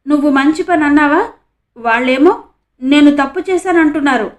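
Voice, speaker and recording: Woman reading a teary college girl, bitter and upset, high voice. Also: moderate pace, natural voice. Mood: resentful. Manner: tearful, resentful. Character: tearful young female college student, younger sister. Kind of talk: audiobook character reading.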